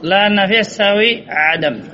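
High bright-voiced male grammar teacher. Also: fairly quick, highs cut off. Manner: drills by repeating answers, quizzes students. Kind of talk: classroom lesson with questions to students.

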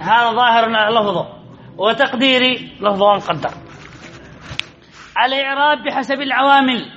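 A man teaching a grammar lesson, who asks questions and answers them himself and repeats key phrases slowly. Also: very high voice, sharp tone. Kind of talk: classroom lecture, repetitive question and answer. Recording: dull lo-fi recording.

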